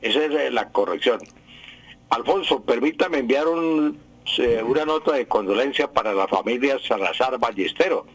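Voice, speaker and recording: A man's voice: mid-range voice, animated, normal speed, fairly bright tone, husky, rough recording. A man with a Colombian accent, a language expert on a radio news show, explaining word usage and stressing words over and over. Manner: didactic, repeats and stresses words.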